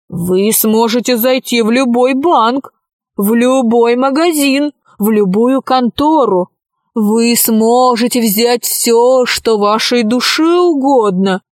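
A woman reading the part of a scheming male vampire leader in a storybook, with a slow, coaxing delivery. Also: on the high side, darkish tone, no echo, studio quality.

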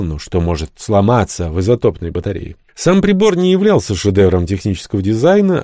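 A man reading a first-person story aloud expressively, with sudden jumps in pitch on emphasis. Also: mellow, no echo, studio quality. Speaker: audiobook narrator. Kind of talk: first-person audiobook narration.

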